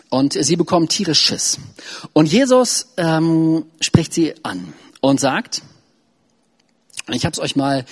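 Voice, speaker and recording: A man delivers a sermon in a relaxed, talky way, as if thinking aloud to his congregation. His voice sits a little high for a man and has a husky, breathy edge. He stumbles, restarts and fills pauses freely. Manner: chatty, loose, with many fillers and restarts. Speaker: preacher. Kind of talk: casual conversational sermon.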